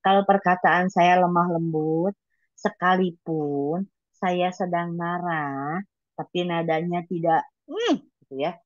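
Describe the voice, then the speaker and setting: Blunt low-voiced woman leading devotions. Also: fairly even intonation, slow pace, no echo, lo-fi sound. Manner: blunt, habitually loud and high-toned way of speaking. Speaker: devotional reading leader. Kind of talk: informal devotional teaching to colleagues.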